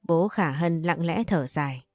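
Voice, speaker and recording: A woman reads a dramatic story in a measured, even way. Her voice sits on the low side, and the recording is dry and close with faint background music. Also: no echo. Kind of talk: scripted narration.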